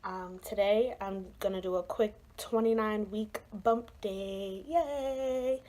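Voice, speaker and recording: A woman's voice: mid-range voice, little pitch movement, unhurried, a little mellow. A young adult woman chatting casually in her own vlog, bubbly and talkative with lots of "um" and "like". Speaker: vlogger. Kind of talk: casual pregnancy vlog chat.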